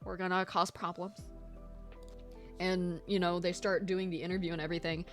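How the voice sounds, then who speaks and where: A young woman vlogging a casual episode recap, excitable and rambling, swearing freely. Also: fairly low pitch, moderate pace. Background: faint lo-fi background music.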